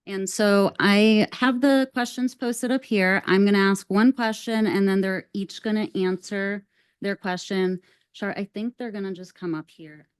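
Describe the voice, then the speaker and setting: A woman's voice: mid-range voice, fairly even intonation, clean tone. Earnest woman presenting to a board. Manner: measured, earnest, with occasional "um". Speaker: district staff presenter. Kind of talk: formal presentation at a school board meeting. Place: school board meeting room.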